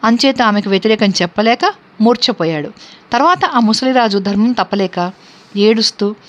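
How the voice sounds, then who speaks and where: A woman's voice: on the high side, lively intonation, normal speed, lightly acted. Woman reading as a grieving captive princess. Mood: sorrowful. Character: grieving captive young princess, devoted wife. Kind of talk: scripture reading. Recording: dull lo-fi recording.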